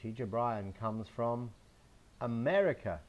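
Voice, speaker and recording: A man from England teaching a slow English lesson to young children, spelling words letter by letter, recorded outdoors in a home garden. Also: mid-range voice, expressive, darkish tone, lo-fi sound.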